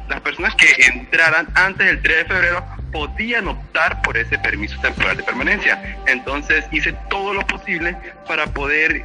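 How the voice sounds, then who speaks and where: Pushed and bright, with a pitch on the high side, a young man from Táchira, Venezuela, gives rambling, casual interview answers. His Andean accent comes from near the Colombian border, and he repeats his words often.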